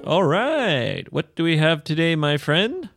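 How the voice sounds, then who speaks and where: A man's voice: on the high side, big pitch swings, very slow, gravelly, fairly bright tone, no room sound, studio quality, faint music behind. A man from Canada co-hosting a podcast in casual chat, easygoing and encouraging, fond of idioms. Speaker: podcast co-host.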